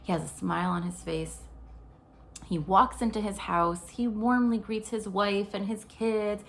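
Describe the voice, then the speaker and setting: A woman's voice: mid-range voice, fairly even intonation, measured pace, creaky. A woman hosting a short therapy video, telling a story in a friendly, conversational way. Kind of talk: storytelling explanation for viewers.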